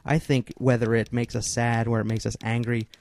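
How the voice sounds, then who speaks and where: A man's voice: mid-range voice, little pitch movement, a little fast, creaky, a little mellow. A man co-hosting a casual podcast, hesitantly thinking aloud and restarting his sentences. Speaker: podcast co-host. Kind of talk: casual chat.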